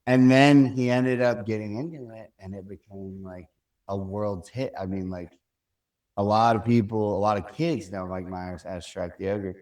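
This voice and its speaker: A man's voice: lowish voice, moderate pace. A young man co-hosting a podcast, telling stories in casual chat and filling his talk with "like". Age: young adult. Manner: animated storyteller, lots of "like". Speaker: podcast co-host.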